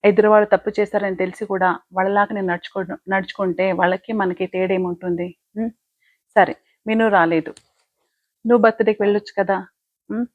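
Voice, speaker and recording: A woman's voice: mid-range voice, steady tone, quick pace, no echo, close to an everyday voice. A woman playing a caring older sister who lectures her younger sister with firm moral advice. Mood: lecturing. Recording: dull lo-fi, dry.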